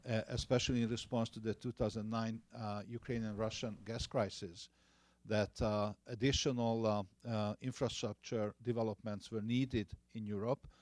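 Hesitant Hungarian man, low voice. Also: a little mellow, no echo. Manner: hesitant, many filler sounds and restarts. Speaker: panelist, former energy minister. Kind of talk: conference panel remarks.

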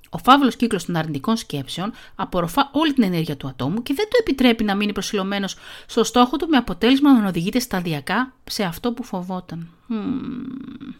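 A middle-aged woman who talks very fast, chatting casually and reading an article aloud, self-mocking and quick to laugh. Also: medium pitch. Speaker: podcast host.

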